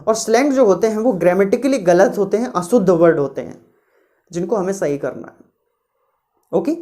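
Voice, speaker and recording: A woman teaching English grammar, explaining rules patiently and reading example sentences slowly and clearly. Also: mid-range voice, expressive, warm tone. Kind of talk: classroom grammar lecture.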